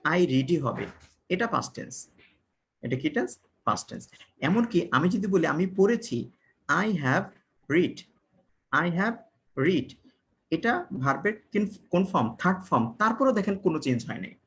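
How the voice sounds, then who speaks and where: A man from Bangladesh gives an online English grammar lesson, his voice sitting a little high. He keeps asking the class questions and answering them himself. Key words get repeated and spelled out slowly. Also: sing-song, fairly bright tone, slight background noise. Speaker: English teacher.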